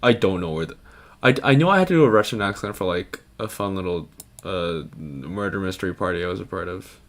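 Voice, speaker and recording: A young man chats on a live stream in a loose, rambling way, joking and laughing often. His voice sits fairly low. The talk is relaxed and unscripted. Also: brisk. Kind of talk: casual live-stream chat.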